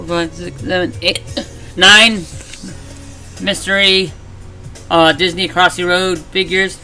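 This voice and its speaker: A woman's voice: lowish voice, pushed and bright, rough recording. A woman hosting a casual toy unboxing, chatty and narrating each find while she has the hiccups. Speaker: channel host.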